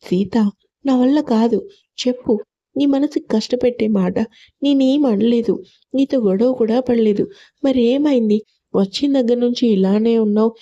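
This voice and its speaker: Woman reading as a gentle coaxing young husband. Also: on the high side, normal speed, lightly acted. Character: tender devoted young husband. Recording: lo-fi audio.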